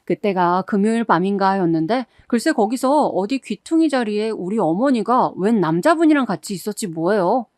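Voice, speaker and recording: A woman's voice: medium pitch, animated, normal speed, few pauses, darkish tone, dry recording, studio quality. A woman narrating a first-person story in a confiding, conversational way.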